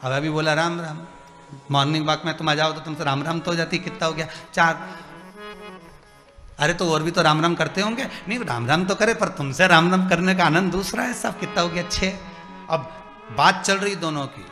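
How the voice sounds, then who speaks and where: Male preacher, fairly high, bright voice, live sermon in a reverberant hall with music under it. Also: moderate pace. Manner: animated, acts out dialogue and asks the crowd questions. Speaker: religious storyteller. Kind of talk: devotional sermon with storytelling.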